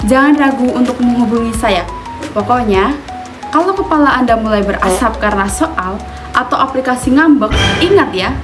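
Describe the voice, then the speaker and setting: A young adult woman introducing herself as customer support in a friendly, playful way, reading a scripted role-play introduction. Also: a little high. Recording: clear background music.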